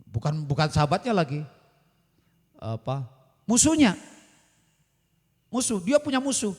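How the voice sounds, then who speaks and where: A man leading a religious study session. He tells stories in a high, animated voice that swoops up and down, and keeps turning to the listeners with questions. The broadcast carries a long hall echo. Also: a little slow. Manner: storytelling preacher asking the audience questions and answering himself. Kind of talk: Islamic study sermon on radio.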